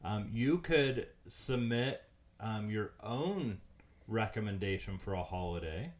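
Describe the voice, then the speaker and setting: A man's voice: lowish voice, animated, slow pace. A man hosting a podcast, casually reading out facts with frequent hesitant ums. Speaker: podcast host.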